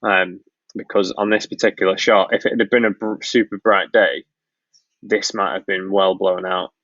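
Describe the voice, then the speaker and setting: A low, gravelly-voiced man from Blackpool, Lancashire, in northwest England hosts a casual live-stream Q&A as a wedding filmmaker, reading out questions from the chat. He has a Northern English accent and speaks at a moderate pace in a relaxed, rambling way, with frequent ums and restarts. The recording has no room sound and the highs are cut off.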